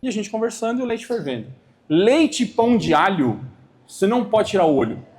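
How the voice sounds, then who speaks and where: A man's voice: high voice, brisk. A Brazilian man giving an internal corporate training talk to a room, acting out little dialogues as he goes. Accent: Brazilian Portuguese. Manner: animated, acts out dialogues.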